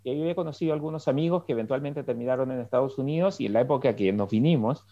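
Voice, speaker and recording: Speaking very fast with a warm, mid-range voice, a middle-aged man from Chile tells his life story as a political scientist guest in a video call interview. He keeps saying "um" and restarting his sentences as he reflects. His headset audio comes through muffled and dry, without echo.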